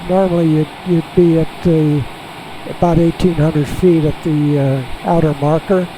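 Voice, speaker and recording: A man flying a small jet who talks through each step in a relaxed, halting way, heard over a pilot headset in the cockpit. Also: on the high side. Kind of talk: casual narration while flying. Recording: steady cockpit and engine noise.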